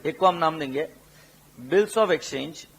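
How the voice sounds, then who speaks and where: A man with an Indian English accent teaching accountancy, mixing Hindi and English, repeating key terms slowly for dictation and asking his students questions. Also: fairly high pitch, gravelly, slightly rough. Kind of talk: classroom lecture.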